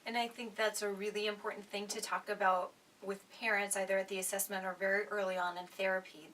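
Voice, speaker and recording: A woman co-hosting a panel on stuttering, thoughtful and soft-spoken, with breathy trailing phrases. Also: mid-range voice, distant mic, poor audio. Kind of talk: casual panel discussion.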